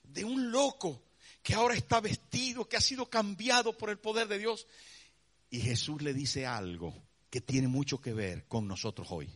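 A man's voice: a little high, animated, normal speed. A man preaching a sermon, telling scenes dramatically and calling his listeners "brother" with many rhetorical questions. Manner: dramatic storytelling, acts out scenes with shouts.

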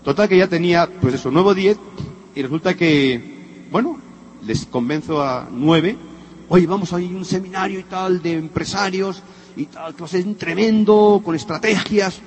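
A man's voice: high voice, moderate pace, slight background noise. A middle-aged man from Spain with a Spanish accent, giving a motivational talk as a story and acting out the dialogue to his audience. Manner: animated storyteller acting out dialogue, addressing listeners directly. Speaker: motivational speaker.

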